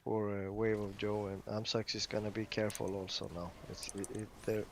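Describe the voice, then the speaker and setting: Low-voiced man chiming in on esports commentary. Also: level tone, a little hiss or hum. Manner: short interjections, halting restarts. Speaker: esports caster. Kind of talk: live game commentary.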